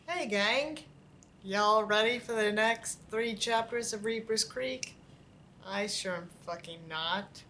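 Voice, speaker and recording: A woman who is clearly tired and feeling sick reads a book aloud to mock it, her remarks sardonic, casual and laced with swearing. Her mid-range voice is pushed and bright, and she takes her time, with slight background noise.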